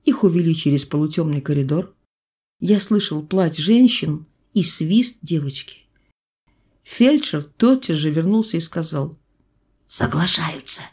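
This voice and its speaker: Brief: female audiobook reader, measured literary narration, low-pitched voice. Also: animated, mellow, husky.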